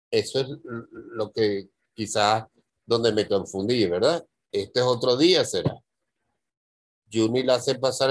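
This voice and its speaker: A screenwriting teacher reviews a student's screenplay, thinking out loud as he reads and pausing to correct details. His voice sits in an ordinary mid-range register. The recording is dry and close, with no room sound.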